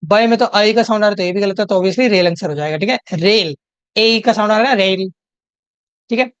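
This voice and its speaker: A woman's voice: medium pitch, clear, resonant tone, dry recording. A young woman with an Indian English accent, explaining an English exam lesson step by step and often checking in with her listeners. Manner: explains step by step, repeats "theek hai?" to check in; reads English questions slowly. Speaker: tutor. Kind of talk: exam-prep lecture in Hinglish. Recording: dry, slightly dull home recording.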